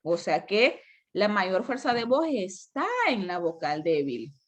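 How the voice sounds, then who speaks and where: A woman's voice: medium pitch, big pitch swings, a little slow. A woman teacher, giving an online class. She explains step by step, repeats key points and uses playful diminutives. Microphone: computer mic on a video call.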